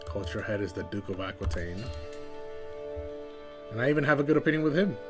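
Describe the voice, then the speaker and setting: Low-voiced man musing over a strategy game. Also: animated, brisk, over music. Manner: thinks aloud, musing and second-guessing his moves. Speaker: streamer. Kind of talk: casual live-stream gameplay commentary.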